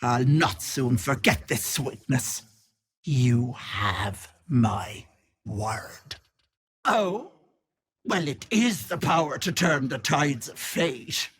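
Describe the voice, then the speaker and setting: An actress playing a sinister old hag who poses as a kindly auntie in a video game, cooing mocking endearments in a theatrical way. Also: female voice, very deep voice, animated, very slow, slightly rough, full character voice. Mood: sly, mocking. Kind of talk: video game character acting.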